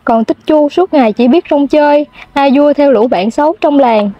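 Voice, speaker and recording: A woman in her twenties reading a folk tale aloud in a steady, polite storytelling manner. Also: sits high, moderate pace, dry recording. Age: 20s. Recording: dull lo-fi sound.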